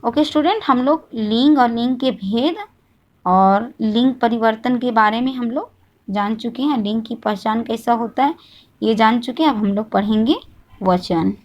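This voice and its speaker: Female teacher, slightly high voice, patient step-by-step grammar explanation, rhetorical questions, frequent check-ins. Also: moderate pace, a little mellow, lo-fi sound. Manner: explains step by step, asks and answers her own questions; often says "thik hai" to check understanding. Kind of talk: Hindi grammar lesson.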